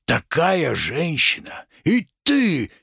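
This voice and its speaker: A man's voice: on the high side, huge pitch swings, creaky, a bit bright, breathy edge, no room sound, clean studio sound, heavily acted. A man declaiming as a pompous raging tragic actor. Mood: grandiloquent. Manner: declamatory, thundering, drawn-out grand phrases. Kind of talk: reading a stage play aloud.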